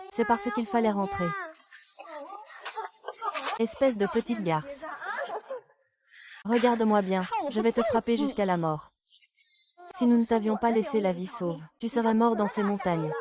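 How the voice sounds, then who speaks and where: A woman's voice: mid-range voice, lightly acted. A woman dubbing dialogue for a family drama with an emotional delivery. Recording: loud crowd noise behind.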